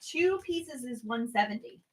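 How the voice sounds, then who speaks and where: Female podcast co-host, somewhat high pitch, relaxed banter with a dry edge. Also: measured pace, breathy edge. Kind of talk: casual chat.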